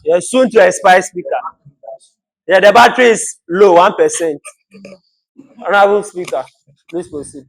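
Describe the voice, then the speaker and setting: A man's voice: sits high, normal speed, long pauses, low-quality recording. A man presiding over a youth parliament as speaker, formally and firmly calling members to order.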